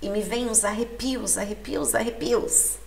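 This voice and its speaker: A woman's voice: mid-range voice, steady tone, vocal fry, a little hiss or hum. Woman teaching Italian in an echoey room. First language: Portuguese. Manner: explains patiently, reading lyric lines aloud slowly. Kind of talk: language lesson. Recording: echoey room, mic at a distance.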